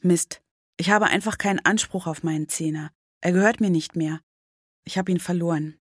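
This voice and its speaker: A woman reporter narrates a documentary and chats with people she meets on the street. Her voice is lowish and slightly rough, at normal speed. Loud, prominent music plays behind her.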